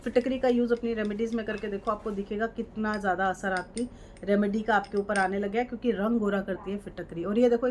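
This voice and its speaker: A woman's voice: mid-range voice, a little mellow. A woman chatting casually through a home beauty remedy, often checking in the viewer. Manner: chatty, repeats "ठीक है" and "ये देखो". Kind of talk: casual how-to demonstration. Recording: light background noise.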